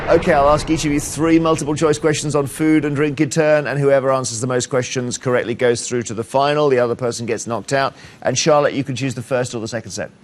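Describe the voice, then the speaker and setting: A man's voice: medium pitch, noisy background. A man hosting a TV quiz show, reading questions and bantering with the contestants in a teasing way. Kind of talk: TV quiz presenting.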